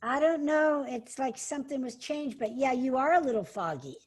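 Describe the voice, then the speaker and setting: A woman's voice: high voice, lively intonation, normal speed, breathy edge. A woman coaching a workshop on a video call, chatting casually with encouraging exclamations.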